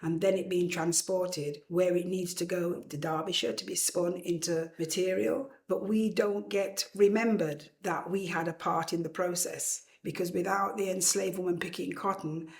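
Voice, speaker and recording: A woman's voice: on the low side, steady tone, normal speed, gravelly, few pauses. An older woman giving reflective personal testimony, repeating phrases for emphasis. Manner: emphatic repetition. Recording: echoey room.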